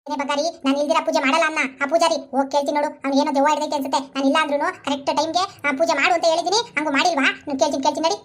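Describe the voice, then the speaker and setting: A sharp-tongued, bossy old mother-in-law from an animated comedy, played by a woman. She scolds in a high, piercing voice and rattles her curses off at a frantic pace. She always sounds in charge. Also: lightly acted. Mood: scolding. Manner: shrill rapid cursing.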